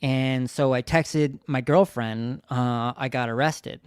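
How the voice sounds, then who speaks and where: Rambling man telling a story, clear dry voice. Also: medium pitch, fairly even intonation, slow pace, dry recording. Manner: rambling, many fillers and restarts, grows loud when reliving the shouting. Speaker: livestream host. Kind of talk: casual storytelling livestream. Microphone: streaming studio mic.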